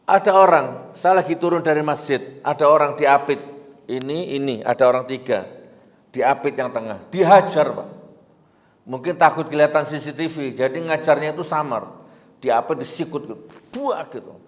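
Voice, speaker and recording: A male preacher delivers a storytelling sermon, his fairly high voice rising into loud exhortation and then dropping to hushed asides. The sound carries a long echoey reverb, as if he is recorded in a large hall. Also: lively intonation, moderate pace.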